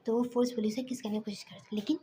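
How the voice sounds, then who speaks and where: Soft-spoken woman telling a story. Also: on the high side, fairly even intonation, racing, a little hiss or hum. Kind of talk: casual story narration.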